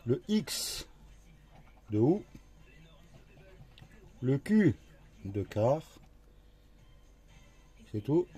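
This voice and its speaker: A man talks slowly through his scratch card, reading out letters and words as he goes. His voice is very dark and mellow, with a husky edge. He sounds like he is mostly talking to himself. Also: medium pitch. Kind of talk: casual commentary while scratching tickets.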